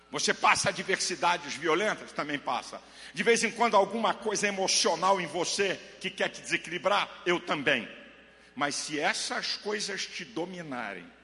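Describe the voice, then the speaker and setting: A man preaching a Pentecostal sermon to a congregation, swinging between shouted lines and low murmurs. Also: in a large hall. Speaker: pastor. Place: church with live congregation.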